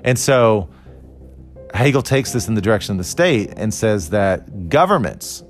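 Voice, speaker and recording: A man in his forties talks through a philosophy lesson in a low, unhurried voice, thinking aloud with small restarts and fillers. A faint musical bed sits under the talk. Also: animated, faint music behind. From Costa Rica. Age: 40s. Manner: thoughtful, conversational, with fillers and restarts. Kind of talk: explanatory lecture on philosophy.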